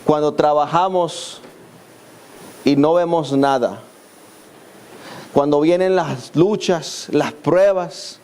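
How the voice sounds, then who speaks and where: A man's voice: a little high, slow, long pauses, mellow. Man preaching a sermon. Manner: storytelling, acting out the people of the scripture with quoted lines. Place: church.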